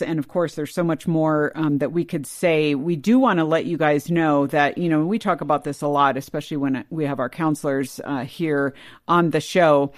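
A man hosts a casual podcast conversation. His voice sits a little high for a man, and he talks loosely, with fillers and quick murmurs of agreement. The sound is close and dry. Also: no room sound. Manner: relaxed, full of fillers and frequent listening murmurs. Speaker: podcast host. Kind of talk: casual interview chat.

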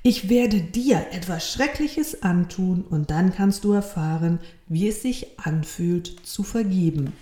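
A woman's voice: lowish voice, takes it slowly, hardly any pauses, warm tone. A woman voicing a kind, loving friendly soul in a storybook reading, speaking in a reassuring, lilting way. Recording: roomy echo.

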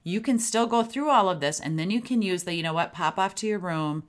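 A middle-aged woman hosting a solo parenting podcast, talking in a chatty, lively way and acting out sample lines to say to kids. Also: fairly low pitch, brisk. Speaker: podcast host and parenting coach. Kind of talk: solo podcast advice talk.

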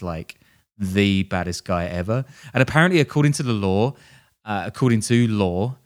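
A deep, smooth-voiced man hosts a podcast in a casual storytelling chat, recounting a crime story with jokey self-deprecation and laughing as he goes.

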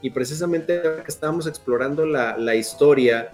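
A man, a podcast co-host, giving a relaxed, slangy wrap-up of a game. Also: fairly high pitch, normal speed, faint music behind. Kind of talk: casual podcast chat.

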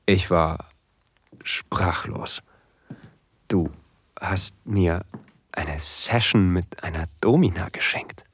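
In first-person audio drama narration, a man plays an eager, nervous submissive husband confiding his story in a hushed, deliberate tone. His voice sits low, in a full character performance.

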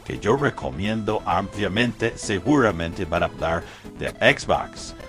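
Un hombre haciendo de ejecutivo gringo cansado, voz grave. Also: male voice, sits low, animated. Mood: pleading. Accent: American gringo accent in Spanish. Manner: halting, formal foreigner's Spanish. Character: weary American games executive pleading in broken Spanish. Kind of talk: scripted celebrity greeting. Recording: music behind the voice. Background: music.

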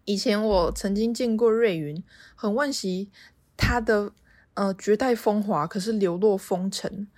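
A woman with a Taiwanese Mandarin accent voicing a mysterious male scholar who casts spells, calm and knowing. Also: medium pitch, dry recording, natural voice.

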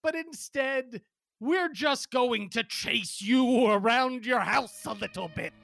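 A woman voicing a stern, moralizing ghost in a comic audio sketch, speaking in a slow, deliberate, lecturing way. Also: fairly high pitch, vocal fry, fairly bright tone, faint music behind, heavily acted.

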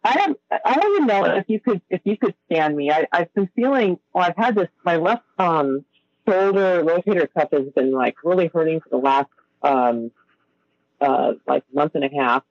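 A man calling in to a radio show, heard over the phone, rambling and halting with many fillers. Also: fairly high pitch, lively intonation, no echo. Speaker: caller. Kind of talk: call-in radio chat. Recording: muffled phone-line call.

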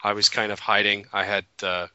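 A man co-hosting an internet radio show, chatting casually and a bit rambling while hoarse from a cold. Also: lowish voice, level tone, a little fast, sharp tone, dry recording, muffled recording. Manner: rambling, self-correcting, chuckling. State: losing his voice from a cold. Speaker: podcast co-host.

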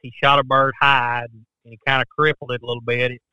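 Man, middle-aged podcast guest, bright voice, medium pitch, folksy casual chat. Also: level tone, fast, clean tone, no room sound, poor audio.

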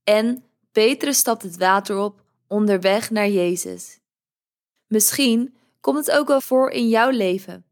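A woman hosting a podcast, reading a devotional in a gentle, measured way. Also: medium pitch. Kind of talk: calm scripted devotional reading.

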